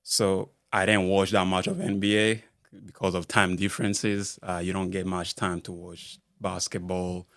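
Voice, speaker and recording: Recorded with a studio mic, clean and without echo, a Rwandan basketball skills trainer gives a relaxed podcast interview. His voice is deep and flat, and he pauses to find words, filling the gaps with many fillers.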